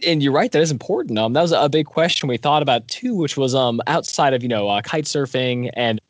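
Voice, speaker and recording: A male interviewer asks a guest long, curious, rambling questions in a relaxed conversation. His voice is mid-pitched, and the recording is dry with no room sound. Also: brisk, dry recording.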